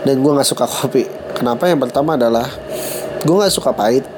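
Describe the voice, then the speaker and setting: Speaking a little fast in a mid-range voice, this young man hosts a casual solo podcast with a Jakarta slang accent and a cold-blocked nose. He jokes about himself and chuckles at his own humor over a noisy background.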